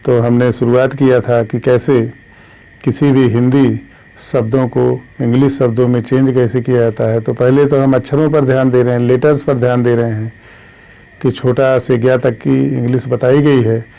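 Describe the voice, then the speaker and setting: A man teaching an online English grammar lesson, slowly dictating letters and spellings and addressing his viewers as friends. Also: medium pitch, little pitch movement, vocal fry, warm tone, rough recording. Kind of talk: classroom-style online lesson.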